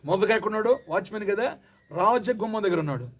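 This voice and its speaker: A man preaching a sermon as pastor, repeating his lines and calling on the congregation to answer loudly. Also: high-pitched, expressive, fast talker, slightly rough. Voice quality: calls for loud amens and repeats. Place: church hall with congregation. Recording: loud congregation noise. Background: congregation responding.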